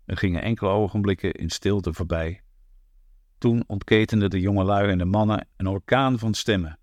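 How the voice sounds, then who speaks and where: A man narrating a literary short story as an audiobook reader, in a measured, even way. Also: fairly low pitch, no echo, clean studio sound.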